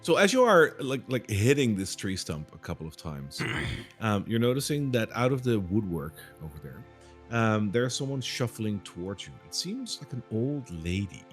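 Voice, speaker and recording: A man's voice: fairly low pitch, sing-song, normal speed, soft background music. A man acting as game master, improvising narration for a tabletop game and addressing the players conversationally.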